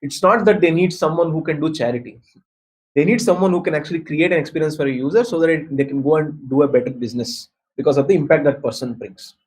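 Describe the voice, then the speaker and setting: A man's voice: a little high, quick pace, a little mellow, poor audio. A man with an Indian accent giving an explanatory talk as a workshop mentor, emphatic and repetitive, often checking in with his listeners. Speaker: workshop speaker, design mentor. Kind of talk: explanatory talk answering questions.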